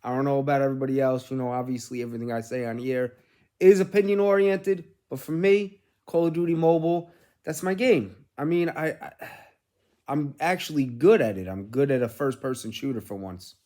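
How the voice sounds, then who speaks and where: A middle-aged gaming streamer and host rambles casually in vlog style, telling stories animatedly with casual swearing. His voice is mid-range and fairly quick.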